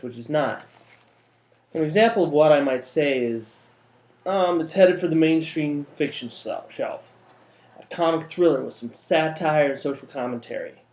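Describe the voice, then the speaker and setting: A man's voice: mid-range voice, a little mellow, reverberant. A man hosting his own vlog, talking about the novel he is writing with wry, dry humor and playful wordplay. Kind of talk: casual talking-head vlog.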